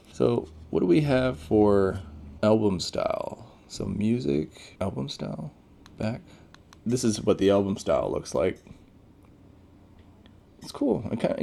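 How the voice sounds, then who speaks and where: Giving spontaneous first impressions of a gadget, a man muses aloud while reading through menus. His voice is lowish and warm, with noticeable vocal fry.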